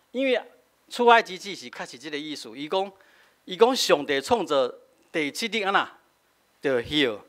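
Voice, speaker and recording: Lively-pitched Taiwanese pastor preaching. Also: male voice. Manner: explanatory, frequent filler "hah" tags, switching between Taiwanese and Mandarin. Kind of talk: sermon teaching.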